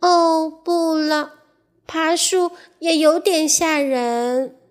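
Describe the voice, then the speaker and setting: A woman doing a squeaky timid little mouse. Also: fairly even intonation, extremely slow. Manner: squeaky, hesitant, high-pitched. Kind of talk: children's storybook reading.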